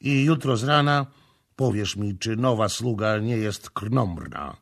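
A man voicing a young prince who gives cold, measured orders in an audiobook. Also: on the low side, creaky. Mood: cold commanding. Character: young male prince, commanding and coldly vengeful. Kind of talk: audiobook character reading.

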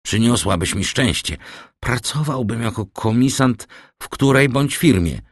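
A man's voice: mid-range voice, animated, measured pace, dry recording, studio quality, voice pushed up. A man voicing a jealous young soldier who pleads with the woman he loves and turns bitter. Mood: pleading.

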